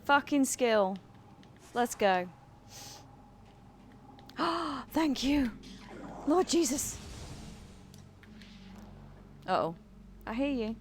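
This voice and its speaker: Slow-talking woman streamer in her thirties. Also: high voice, lively intonation, slight background noise. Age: 30s. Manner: chatty, answers chat, swears and exclaims at the game. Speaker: game streamer. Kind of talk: live gameplay commentary. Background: faint game music.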